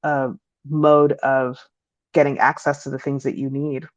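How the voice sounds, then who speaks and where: Speaking at a measured pace, this Peruvian woman in her young adult years reflects carefully as a guest on a remote interview, filling pauses with frequent "um"s. When she gets animated, her pitch rises. There's no echo, just dull, lo-fi call audio.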